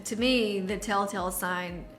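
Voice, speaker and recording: A woman's voice: medium pitch, fairly even intonation, measured pace, fairly bright tone, soft background music. A woman co-hosting a casual live chat, reading viewer comments aloud in a chatty, agreeable way. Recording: echoey room.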